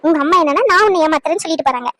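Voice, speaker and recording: A woman's voice: high voice, lively intonation, racing, fairly bright tone. A woman voicing a hurt, fed-up young wife. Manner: pleading then bitterly reproachful. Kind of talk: cartoon drama dubbing.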